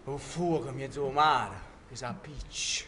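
A stage actor with a Neapolitan accent playing a volatile, scornful man in a live theatre performance, swinging between loud taunting shouts and hushed menace. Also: mid-range voice, unhurried, slight background noise. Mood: brooding.

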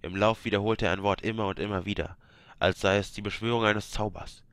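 A man's voice: fairly low pitch, fairly even intonation, a little fast, a bit bright, dry recording. A man reading a fantasy game book aloud, breaking off now and then to joke with listeners. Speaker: reader of game books. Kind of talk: reading aloud with joking asides.

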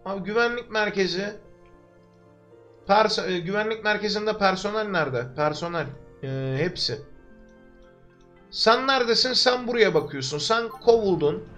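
A young Turkish livestreamer with a high voice comments on a game live from his home room, speaking at normal speed into a desk microphone. He chats with viewers and jokes to himself while quiet music plays faintly underneath.

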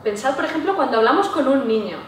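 A woman lectures a live audience in a big, very echoey hall, her fairly high voice picked up from well off the mic with faint ambient hiss behind it. She talks in an engaging, explanatory way and keeps checking that listeners follow with a quick "¿sí?". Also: animated. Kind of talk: public talk to a live audience. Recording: echoey room, voice from far off.

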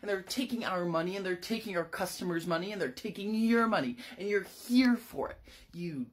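A podcast host voicing an enraged young male office worker who turns gunman, with a shouting, bitter rant. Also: medium pitch, little pitch movement, normal speed, close to an everyday voice. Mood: ranting fury.

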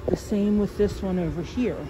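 Inside a large store, a masked woman films a chatty, apologetic vlog tour on her handheld phone, speaking at normal speed in a medium-pitched voice. The recording is full of store ambience.

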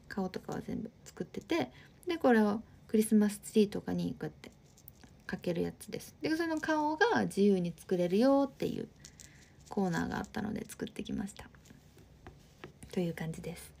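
Her voice is mid-range and dark-toned with vocal fry. She's a twenty-something livestream host from Osaka, Japan, who speaks in the Osaka dialect and chats in a friendly way with viewers while reading their comments.

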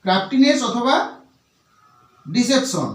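A man with a strikingly high voice teaches a vocabulary lesson, repeating each word and breaking it into letters and syllables. He sounds set back from the microphone in an echoing room. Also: very animated, a bit bright, recorded from a distance. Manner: slow, repetitive, spelling words out letter by letter. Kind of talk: Bengali-language English vocabulary lesson.

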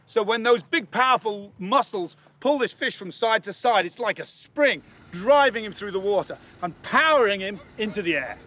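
A man's voice: sits high, animated, normal speed, hardly any pauses, sharp tone. An older man presenting a nature documentary outdoors, explaining things to camera. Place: outdoors on grass by the sea.

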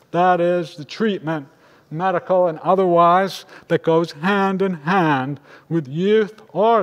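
An older man, a rabbi, giving a measured, grave sermon at a lectern microphone in a large synagogue sanctuary. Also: sits high. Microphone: lectern microphone on a stand. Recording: long reverb of a large hall.

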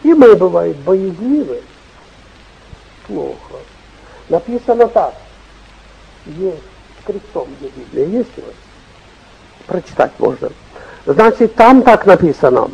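An older man, in his sixties or beyond, preaching an informal, emphatic sermon with repeated phrases and a raspy voice, speaking at a stand microphone. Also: high-pitched, sing-song, slow, pauses often, a little mellow, muffled recording, a little hiss or hum. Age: 60s or older. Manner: emphatic, repetitive, acting out short anecdotes and dialogue. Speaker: bishop preaching. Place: stage of a hall, indoors.

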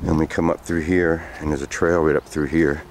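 A man's voice: a bass voice, flat delivery, brisk. A man in his forties telling a story outdoors while walking a trail, rambling with many fillers, recorded on a handheld camera. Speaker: vlogger. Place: outdoors on sandy trails by woods. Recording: faint outdoor noise.

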